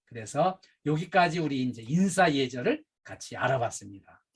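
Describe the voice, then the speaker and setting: A middle-aged man giving a workplace training lecture, emphatic and animated, with frequent fillers. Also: medium pitch, moderate pace, breathy edge. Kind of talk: safety and customer service training lecture.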